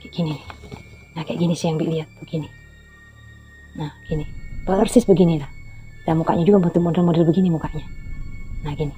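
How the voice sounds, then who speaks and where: A woman's voice: deep voice, steady tone, quick pace, long pauses, warm tone. A woman in her fifties telling a story in a chatty, rambling way, often repeating who said what. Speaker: storytelling vlogger. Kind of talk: casual storytelling. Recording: slightly dull lo-fi audio with faint music.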